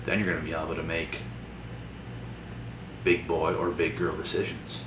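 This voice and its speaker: Young male motivational vlogger, very low voice, blunt and preachy, distant echoey room with noise. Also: flat delivery, moderate pace. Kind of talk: motivational monologue to camera.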